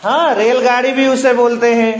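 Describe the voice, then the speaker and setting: A man's voice: extremely high pitch, level tone, normal speed. A man teaching a class of young children. He coaxes them patiently through words and sentences, repeating each one. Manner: patient, coaxing, repetitive drilling. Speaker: primary school teacher. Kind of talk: classroom lesson. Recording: echoey noisy classroom.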